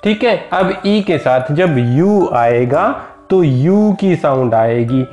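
A man's voice: a little high, expressive, takes it slowly, darkish tone, roomy sound, dull audio, soft background music. An Indian man teaching children English vowel sounds, patiently repeating words and asking simple questions.

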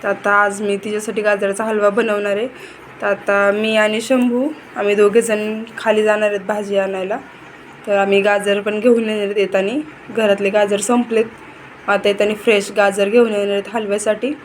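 A woman's voice: mid-range voice, little pitch movement, normal speed. A young woman, chatting casually to the camera in a home vlog as she looks after her children. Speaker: vlogger. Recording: noisy home recording.

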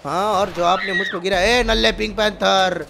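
This gaming channel host offers playful play-by-play, slipping into character voices and teasing with lots of exclamations. He sits high in pitch and sounds creaky, keeps a moderate pace, and a little hiss or hum runs underneath.

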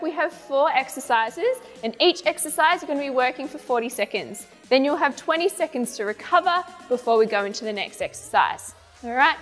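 A woman's voice: high voice, fairly bright tone. A young woman working as a fitness instructor, giving encouraging cues and counts for a guided home workout. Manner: encouraging, cueing movements while demonstrating them. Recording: long reverberant room, music behind. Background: music.

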